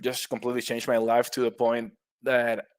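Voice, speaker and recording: Here a middle-aged man from Puerto Rico, who runs a mushroom business, appears as a casual podcast guest. With a Puerto Rican accent and a flat, even pitch, he talks at a normal pace, stays friendly, laughs a lot and keeps restarting words, all captured in a close, dry recording without echo.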